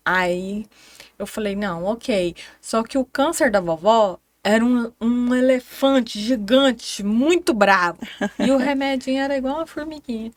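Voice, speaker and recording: A woman's voice: on the high side, a little slow, dry recording. A middle-aged Brazilian woman telling her cancer story, acting out her children's voices when she quotes them. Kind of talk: emotional personal storytelling.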